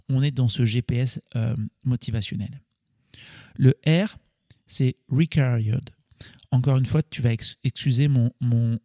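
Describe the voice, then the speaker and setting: A man's voice: mid-range voice, creaky, warm tone, dry recording, clean studio sound. A man hosting a solo coaching podcast, explaining in a casual, chatty way and correcting himself with small laughs. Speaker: podcast host.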